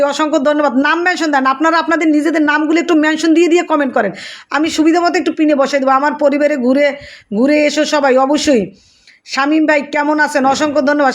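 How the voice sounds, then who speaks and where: A woman hosting a live stream, reading out viewers' comments, greeting them by name and thanking them over and over. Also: high voice.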